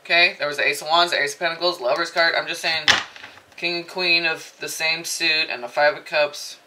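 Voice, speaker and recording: A tarot reader speaks fairly quickly in a low, steady voice, chatting through the reading with playful rambling and frequent exaggerated asides. Heavy background noise fills the recording.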